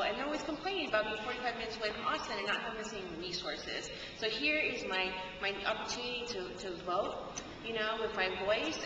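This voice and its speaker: A woman on a conference panel, speaking earnestly and haltingly with many fillers. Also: mid-range voice, dull audio. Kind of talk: panel discussion answer. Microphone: camcorder from the audience. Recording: echoey hall, far off, noisy camcorder.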